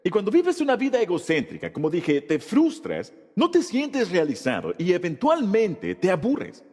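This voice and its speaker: Husky man preaching in a reverberant hall. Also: sits high, wildly swooping pitch, moderate pace, a little mellow. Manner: emphatic preaching delivery with rhetorical questions. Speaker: Spanish voice-over of a pastor's sermon. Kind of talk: sermon.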